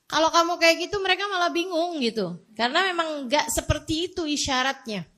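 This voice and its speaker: High-voiced woman preacher telling stories. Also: a little fast. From Indonesia. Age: 40s. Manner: animated, self-mocking storytelling with laughs. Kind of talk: storytelling religious talk.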